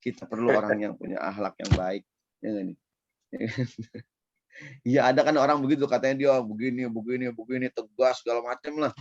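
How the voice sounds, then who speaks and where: A man preaching a casual sermon in a Jakarta Betawi accent, lively and playful, often checking in with his audience. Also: mid-range voice, fairly quick, dry recording, muffled recording. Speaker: Islamic preacher. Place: online session.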